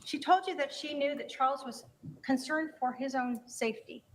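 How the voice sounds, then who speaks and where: Woman, prosecutor, slightly high pitch, emphatic courtroom closing argument, deliberate rhetorical phrasing, faint background noise. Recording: noisy courtroom recording.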